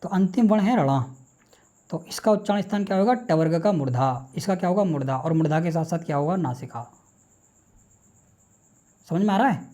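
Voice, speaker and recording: Mellow-voiced teacher drilling speech sounds. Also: male voice, a little high, expressive, normal speed, long pauses. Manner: asks questions and answers them himself; drills sounds by reciting them one by one. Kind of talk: classroom lecture on phonetics.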